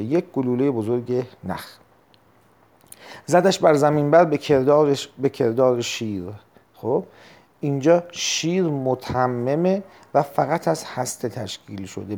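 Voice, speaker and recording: A man teaching a recorded test-prep lesson, explaining step by step, repeating key terms and clearing his throat often. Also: medium pitch, dark tone. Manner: frequent throat clearing and hesitations.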